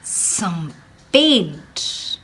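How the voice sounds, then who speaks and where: A woman teacher reads a picture book aloud to children, slow and expressive, talking directly to her young listeners. Her voice is fairly low and slightly rough.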